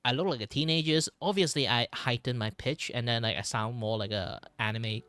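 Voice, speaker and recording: A man voicing a youthful teenage anime character with a heightened pitch, chatting casually on a livestream. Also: brisk, pushed and bright, lightly acted. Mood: upbeat.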